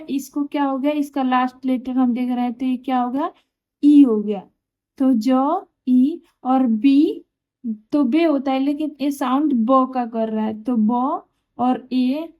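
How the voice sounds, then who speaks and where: A woman's voice: sits high, darkish tone. A woman teaching German pronunciation, who patiently asks questions and answers them herself. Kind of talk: explaining pronunciation rules.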